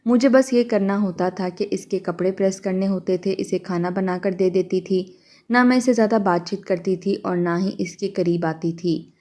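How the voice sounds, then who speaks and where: A woman telling a first-person story in a steady, confiding way. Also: mid-range voice.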